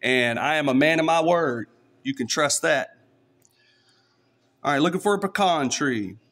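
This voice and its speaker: Man, East Texas accent, slightly raised pitch, chatty play-by-play vlogger talking to followers. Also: animated, unhurried, a bit bright. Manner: chatty, talks straight to followers. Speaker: streamer scratching lottery tickets. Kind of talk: casual play-by-play vlog.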